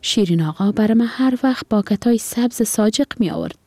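A woman's voice: fairly high pitch, animated, warm tone, dry recording. A woman playing an earnest green-eyed orphan girl with an Afghan Dari accent, her voice raised to sound like a child.

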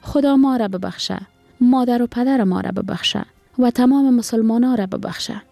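A woman narrator voices an earnest young girl with an Afghan Dari accent, pitched high and small. The sound is mellow and a bit husky, told as a spoken storybook. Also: dry recording, faint music behind. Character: young green-eyed girl, earnest, gentle.

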